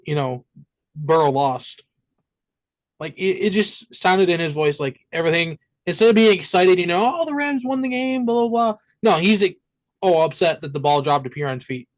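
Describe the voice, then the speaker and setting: A man's voice: on the high side, low-quality recording. A man co-hosting a sports podcast, talking casually and animatedly, swearing and laughing often. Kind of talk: casual chat.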